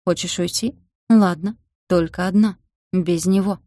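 A woman's voice: fairly low pitch, fairly even intonation, a little slow, mellow, no room sound, clean studio sound, lightly acted. A woman voicing a furious young male demon who captains a guard, speaking in a snarling, threatening way. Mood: cold.

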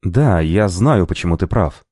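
A male narrator voicing a proud, wounded warrior who speaks slowly in a strained, earnest way. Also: on the low side, lively intonation, dark tone, no room sound, clean studio sound, natural voice. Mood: resolved. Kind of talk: audiobook character voice.

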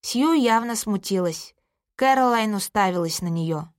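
A woman's voice: medium pitch, animated, unhurried, dry recording. Woman narrating an audiobook, dry sound. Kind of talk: scripted first-person narration.

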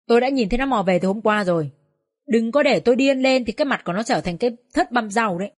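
A woman playing an enraged older village woman, shrill, cursing, yelling, storybook reading. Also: animated, normal speed, breathy edge, dry recording, studio quality. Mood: furious. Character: furious older village woman, loud and abusive.

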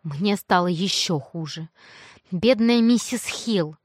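A woman narrating a first-person audiobook in a lively, emotive way. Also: on the low side, takes it slowly, dry recording, studio quality.

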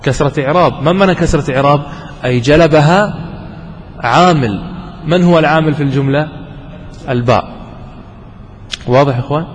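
A man's voice: on the high side, fairly quick, long pauses, a little hiss or hum. Man teaching grammar in an echoey hall. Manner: asks students questions and answers them himself, repeats key definitions. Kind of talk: classroom lesson.

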